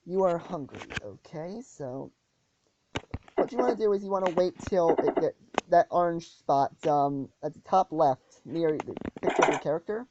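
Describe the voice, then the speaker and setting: A woman's voice: sits low, moderate pace. A woman hosting a casual gameplay walkthrough, talking hesitantly with many ums and restarts. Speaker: gaming channel host. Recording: dull lo-fi audio with loud noise.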